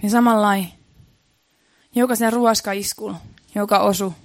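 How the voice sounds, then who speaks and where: Woman preacher, mid-pitched, earnest and repetitive, dry room. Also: fairly even intonation, no echo. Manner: earnest, repetitive, building emphasis. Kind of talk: sermon.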